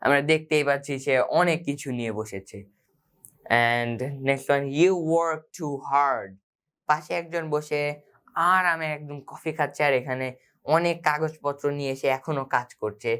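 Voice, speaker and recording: A teacher explaining English grammar step by step, reading each English example slowly and then explaining it in quick conversational Bengali. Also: mid-range voice, fairly bright tone, clear, resonant tone.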